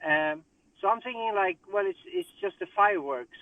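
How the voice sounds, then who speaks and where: A man calling in on a speakerphone while driving home, thinking aloud with halting restarts and sounding a bit distracted. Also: high voice, expressive, dry recording. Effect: car speakerphone call while driving. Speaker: caller in a group discussion. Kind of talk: casual group call chat. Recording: tinny distant phone line from a car.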